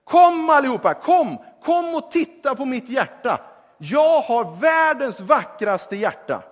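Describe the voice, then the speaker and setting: A vain young man calls out loudly and proudly, his voice pitched high and swinging widely, as a preacher acts him out in a sermon story. The sound rings with long church reverb. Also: big pitch swings. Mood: boastful. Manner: loud, proud, mocking calls to the crowd. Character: boastful young man showing off his perfect heart.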